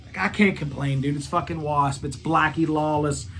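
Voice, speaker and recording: Hyped guy ranting about a metal show, swears a lot, kinda high voice. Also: normal speed. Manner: excited, profane, sings snippets of songs. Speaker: host of a rock review channel. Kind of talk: casual concert review.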